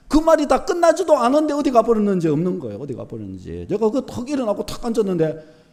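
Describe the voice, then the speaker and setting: Man w/ preaching, high pitched, voice jumps all over, acts out little scenes. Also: a little fast. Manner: animated, shifts from soft to loud, acts out short dialogues. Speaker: pastor. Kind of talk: sermon. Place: church sanctuary.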